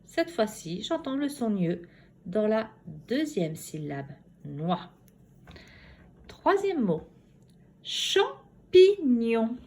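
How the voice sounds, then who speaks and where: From her home, a primary school teacher gives young children a phonics lesson, sounding out each syllable slowly and carefully. Her mellow voice sits at medium pitch but swings widely up and down.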